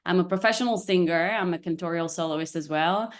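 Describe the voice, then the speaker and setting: A woman's voice: lowish voice, brisk. A woman, a professional singer, introducing herself cheerfully over a video call. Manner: cheerful, chatty.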